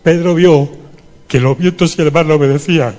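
A man's voice: on the high side, moderate pace, darkish tone. A man leading a fervent prayer and sermon in a church, pleading and calling on the congregation. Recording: long hall reverb.

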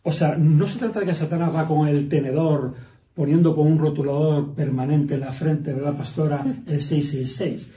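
A male pastor preaches in a measured, emphatic teaching style, often repeating phrases to drive a point home. His voice is very dark and mellow, sitting a little high for a man. It reaches the mic from some distance in a roomy, echoing space. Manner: explanatory, emphatic, repeats for stress. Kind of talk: sermon teaching. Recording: roomy echo, from far off the mic.

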